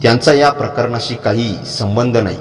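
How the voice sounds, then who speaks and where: A calm, protective older father-in-law speaks softly and steadily, as a man reading a story puts him on. The pitch is middling. A long hall reverb trails after each phrase. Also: normal speed, faint music behind, natural voice. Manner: calm, steady, soft-spoken.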